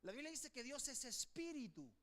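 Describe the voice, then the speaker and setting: A man preaching as pastor to a congregation in a church, calling on them to repeat after him and swinging between loud declarations and quiet, slowed phrases. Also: very high-pitched, very animated. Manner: emphatic preaching with call-and-response to the congregation. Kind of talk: sermon.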